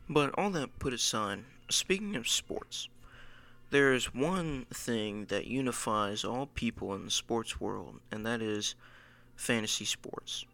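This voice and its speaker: A man's voice: lowish voice, a little slow, pushed and bright. A man co-hosting a podcast in upbeat casual chat. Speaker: podcast co-host.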